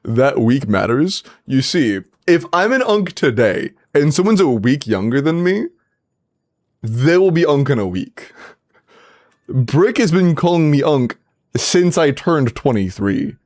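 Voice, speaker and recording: A man's voice: medium pitch, very animated, unhurried, darkish tone. A man in his twenties, casually chatting on a livestream, playfully bantering with chat and laughing often. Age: 20s. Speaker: streamer. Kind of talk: casual livestream chat reviewing game accounts.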